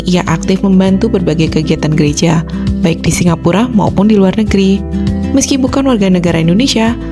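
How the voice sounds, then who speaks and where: Female narrator, quick read-through of a scripted bio, guitar track underneath. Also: medium pitch. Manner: smooth, read-aloud delivery. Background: guitar music.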